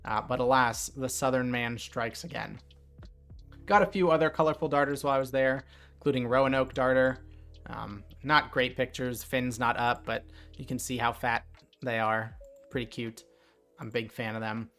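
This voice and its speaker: A man casually retelling a night fishing trip in a chatty, animated way, with lots of fillers. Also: medium pitch, normal speed, soft background music. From New Jersey. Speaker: streamer. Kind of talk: casual storytelling.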